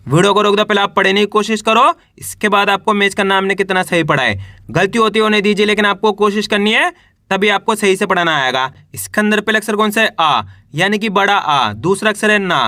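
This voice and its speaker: A man's voice: high voice, sharp tone, dry recording, clean studio sound. A man teaching Hindi reading, sounding out each syllable, blending it into a word and repeating it, and asking the viewer questions. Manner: asks the viewer questions and coaxes them to try. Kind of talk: slow syllable-by-syllable reading lesson.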